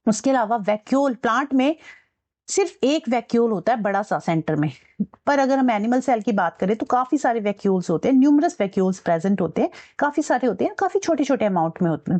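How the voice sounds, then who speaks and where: A woman's voice: on the high side, dark tone. A woman teacher explaining science exam questions step by step, mixing English terms into her speech and checking in with her students. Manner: reads English question text slowly and deliberately. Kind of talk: exam-prep science lesson.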